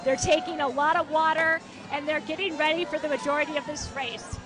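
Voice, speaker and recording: A woman's voice: high-pitched, fairly even intonation, brisk. A woman working as a roving field reporter, giving live race coverage from a city street. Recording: outdoor street broadcast with music. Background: clear music.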